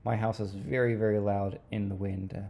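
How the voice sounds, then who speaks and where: A man giving a conversational, explanatory weather briefing as a forecaster, pausing often as he thinks. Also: lowish voice, little pitch movement, gravelly, mellow.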